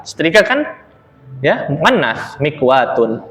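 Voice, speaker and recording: A man teaching Arabic in a relaxed, joking classroom manner. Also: a little high, slow, slight background noise. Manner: relaxed, joking, laughs while explaining. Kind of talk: casual classroom explanation.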